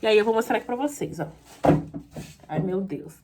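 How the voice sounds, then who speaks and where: A woman's voice: medium pitch, lively intonation, normal speed, heavy background noise. A young woman chatting in a casual vlog, telling a story in a rambling way and acting out both sides of the conversation. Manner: chatty, rambling, often says "gente" and "falei assim". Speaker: vlogger.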